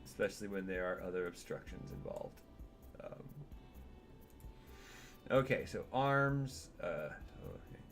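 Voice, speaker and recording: A man's voice: deep voice, lively intonation, measured pace, long pauses, faint music behind. A man streaming a game from home, chatting in a digressive way and talking to his cat as he plays. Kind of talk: casual gameplay stream commentary.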